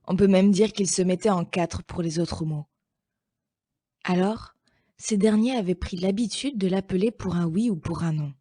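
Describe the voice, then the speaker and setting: A woman reading a children's story aloud slowly and gently, with clear pacing. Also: on the low side, no room sound.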